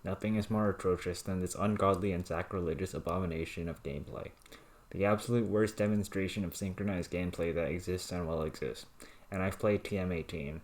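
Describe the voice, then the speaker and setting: A man with a low voice reads written rants aloud. His delivery stays deadpan and monotone, as if reciting plain text. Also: brisk.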